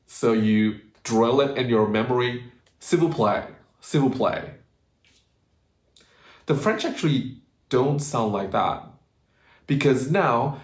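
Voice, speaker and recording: A man explaining pronunciation in a video lesson, patiently slowing down to demonstrate words. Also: medium pitch. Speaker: language teacher. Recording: roomy, echoey room.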